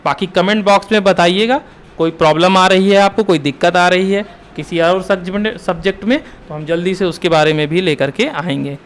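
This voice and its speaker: High-voiced man teaching Hindi grammar. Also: fairly quick, slight background noise. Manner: asks questions then answers them himself; repeats key terms for drilling. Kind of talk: exam-prep lesson.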